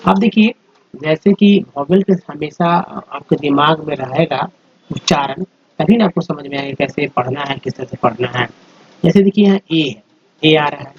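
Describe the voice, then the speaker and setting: Slow, repetitive male language teacher. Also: fairly high pitch. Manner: spells words letter by letter and repeats sounds slowly. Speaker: English teacher. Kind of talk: slow explanatory lesson. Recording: dull lo-fi recording with faint noise.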